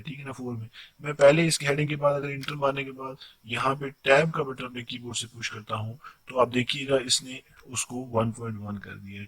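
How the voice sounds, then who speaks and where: A man giving a quick, explanatory screen-recorded software tutorial, often checking in with his viewers. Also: mid-range voice, slightly rough, dry recording. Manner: quick explanatory delivery with frequent "theek hai na" check-ins.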